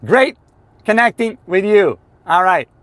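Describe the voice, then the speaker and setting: A man's voice: sits high, animated, a little slow, dry recording. A man in his sixties hosting a live stream, chatting in an upbeat, motivational way. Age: 60s. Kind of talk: casual live-stream chat.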